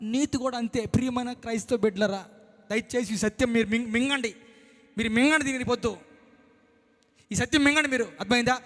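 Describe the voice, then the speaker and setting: Male pastor, high-pitched, dramatic preaching with whispered mimicry and shouts, reverberant hall. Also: brisk, pauses often. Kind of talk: sermon.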